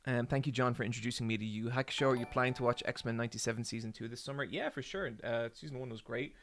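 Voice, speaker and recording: A man's voice: medium pitch, quick pace, a bit bright. A man in his forties chatting casually with his stream audience, joking and rambling with lots of ums. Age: 40s. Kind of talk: casual live-stream chat with viewers.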